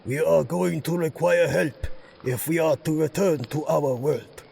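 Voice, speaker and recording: A man playing a wise old mutant rat master in an audio drama, solemn, formal and deliberate. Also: fairly high pitch, gravelly, darkish tone, slight background noise. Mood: solemn calm.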